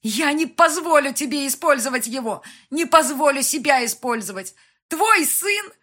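Woman as a furious young mother shouting. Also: sits high, expressive, moderate pace, voice pushed up. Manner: shouting, bitter, mocking.

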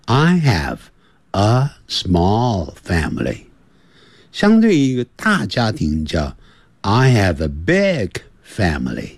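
Husky, lively male English teacher. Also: on the low side, no echo. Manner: drills pronunciation by slow repetition; lively, playful explaining. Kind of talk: radio English lesson.

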